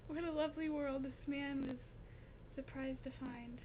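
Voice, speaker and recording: A young woman making up a story on the spot with a friend, playful and giggly. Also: sits high. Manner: giggly, playful, trading lines. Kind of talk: improvised storytelling. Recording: tinny phone-like lo-fi audio with faint hiss.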